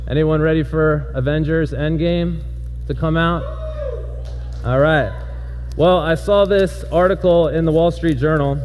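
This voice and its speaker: A man's voice: mid-range voice, a little mellow. A middle-aged man preaching as a guest pastor from a large church stage, earnest and emphatic, drawing listeners in with rhetorical questions. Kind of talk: sermon. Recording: long hall reverb, faint hum.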